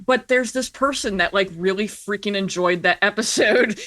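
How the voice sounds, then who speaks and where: Speaking at a moderate pace in a mid-range, sharp-toned voice, this woman is a filmmaker guesting on a podcast. She's candid and relaxed, spinning informal anecdotes and reenacting snippets of old conversations.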